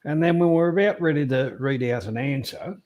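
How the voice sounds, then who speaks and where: A man's voice: medium pitch, fairly quick, a little mellow. A middle-aged man with an Australian accent, hosting in a casual, rambling, slangy way and telling anecdotes. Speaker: host of a trivia show.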